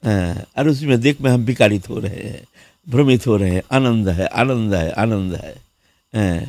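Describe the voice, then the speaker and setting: Male monk, sermon storyteller, lively rising and falling delivery, dry close sound. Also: medium pitch, slightly rough, no echo. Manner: lively storyteller who acts out the people in his story; repeats words and fills with "haan". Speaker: monk preacher.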